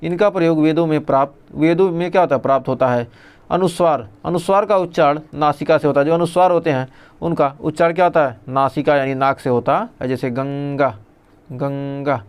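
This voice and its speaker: A man's voice: fairly high pitch, fast, clean tone. A male teacher giving an exam revision lesson, reading out lists and asking and answering his own questions.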